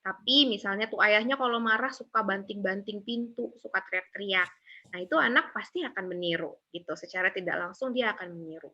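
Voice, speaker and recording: A woman's voice: mid-range voice, brisk, lo-fi sound. A woman giving a casual, conversational webinar talk on raising young children, often acting out what parents say. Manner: relaxed conversational, many filler tags, acts out parent quotes. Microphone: video call.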